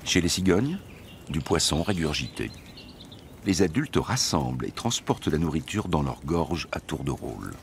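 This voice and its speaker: A man narrating a nature documentary from a script, in a measured storytelling delivery. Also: a bass voice, lively intonation, gravelly, a little hiss or hum.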